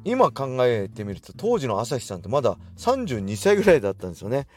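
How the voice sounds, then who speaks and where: A man in his forties talks in a casual, easygoing way on his own show, reading listener letters and often pausing on fillers. His voice sits in a middle range. A faint guitar plays quietly behind him. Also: mid-range voice, huge pitch swings. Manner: loose and chatty, many fillers. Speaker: podcast host and fighting gym owner.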